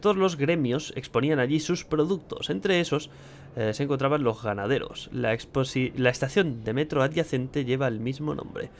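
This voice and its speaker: A man's voice: mid-range voice, moderate pace, a little hiss or hum. A young man, commentating his gameplay casually, joking and swearing. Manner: chatty and joking, swears a lot. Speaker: gameplay streamer.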